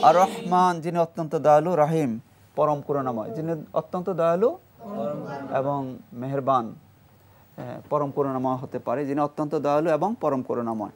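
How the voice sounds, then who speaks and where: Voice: medium pitch, normal speed. A Quran reading teacher leading a TV lesson, quizzing students and prompting group recitation, then praising their answers. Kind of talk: TV quiz-style lesson with call-and-response. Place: TV studio with a class of students. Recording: studio with students chanting along.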